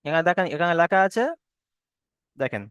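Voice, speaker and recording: Patient male teacher, slow repetition. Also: fairly high pitch, fairly bright tone, clear, resonant tone, no room sound, highs cut off. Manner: patient, repeats each rule slowly, chants Arabic verses drawn out. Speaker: Quran reading teacher. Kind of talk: step-by-step recitation lesson.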